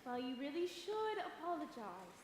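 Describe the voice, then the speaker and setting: Actress as a prim, theatrical spider, high and drawn-out, with hall reverb and music. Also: female voice, very animated, slight background noise. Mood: chiding. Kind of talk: stage musical acting.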